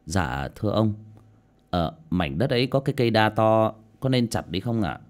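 A man's voice: on the low side, lively intonation, moderate pace, natural voice. A man doing a timid stammering young laborer. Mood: fearful. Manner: hesitant, stammering, deferential.

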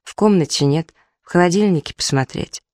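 A woman's voice: lowish voice, fairly quick, a little mellow, no room sound, close to an everyday voice. A woman reading the lines of a quarrelsome, sarcastic young wife aloud from a story, in a dry room. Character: sharp-tongued young wife, twenty-seven.

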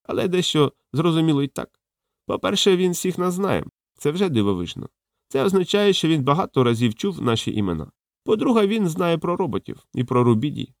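A man's voice: a little high, very animated, brisk, no room sound, clean studio sound, pitched above the performer's own voice. A man voicing a clever young male researcher who reasons things out, as an audiobook character. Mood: reasoning. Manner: reasoning, explanatory.

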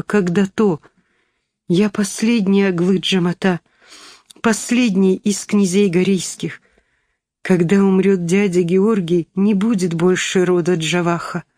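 A woman voicing a frail, dying young boy who speaks softly and weakly. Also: medium pitch, dry recording, studio quality, natural voice. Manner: soft, weak, hushed speech.

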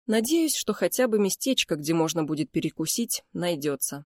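A woman's voice: on the low side, expressive, moderate pace, no room sound, clean studio sound. A woman voicing a cocky, teasing young male twin who is always hungry, with a smug manner. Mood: skeptical.

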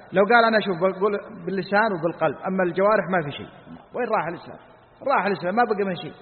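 A man teaching a religious lesson. He asks his students questions and then answers them himself. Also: high-pitched. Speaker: sheikh teaching a book. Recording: phone-like sound in a reverberant hall.

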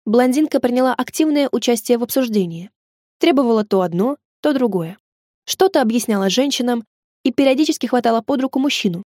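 A woman in her twenties reads a first-person novel with steady, wry storytelling. Her voice is fairly high and the recording is dry and close. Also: a little fast, no echo. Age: 20s. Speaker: audiobook narrator. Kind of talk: first-person audiobook narration.

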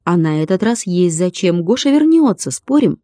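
A woman's voice: on the low side, big pitch swings, normal speed, mellow, dry recording, clean studio sound. A woman voicing a sulky young boy. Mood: eager. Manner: sulky, pleading. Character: stubborn, whiny young boy with injured knee.

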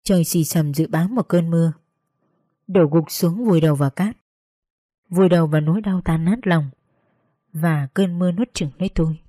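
A woman with a Northern Vietnamese accent, slowly and tenderly narrating a sorrowful story in the first person. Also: on the low side, mellow, no room sound, studio quality.

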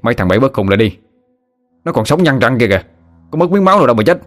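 A man voicing a rude, hot-tempered young boyfriend who snaps in a shrill, scornful voice. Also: animated, fast, soft background music, natural voice. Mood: angry.

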